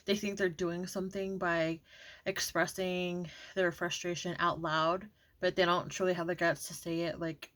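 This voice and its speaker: A woman's voice: lowish voice, level tone, moderate pace, a bit bright. A young woman vlogger telling a casual story-time rant, chatty and exasperated, with lots of filler words.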